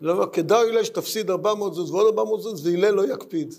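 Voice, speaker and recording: A man's voice: high voice, a little mellow. A man giving a Talmud lesson in an earnest way, asking rhetorical questions and repeating his points. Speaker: Torah teacher.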